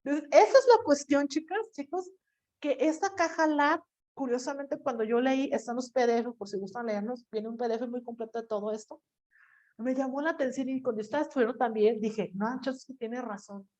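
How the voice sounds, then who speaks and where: A woman's voice: sits high, brisk, darkish tone. A woman teacher giving a chatty class lecture, acting out little inner voices as she explains. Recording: lo-fi dull audio.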